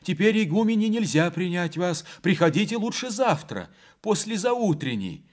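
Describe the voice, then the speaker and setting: A man voicing a frightened young nun who keeps a monastery gate, speaking high and unsteadily in an audiobook. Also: big pitch swings, normal speed, slightly rough, heavily acted. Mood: fearful.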